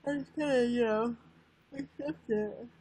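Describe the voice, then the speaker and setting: A woman's voice: a little high, unhurried, darkish tone, husky, no room sound, rough recording. An eighteen-year-old woman chatting casually on a livestream, laid-back and swearing offhandedly. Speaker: livestream guest. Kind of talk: casual chat.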